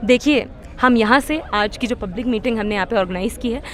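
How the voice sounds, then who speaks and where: High-voiced young woman, fiery activist. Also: brisk. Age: young adult. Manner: fiery, rhetorical, many fillers and restarts. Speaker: student activist at a protest. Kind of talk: impassioned street interview. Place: outdoor street protest in a crowd. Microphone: several handheld press mics held close.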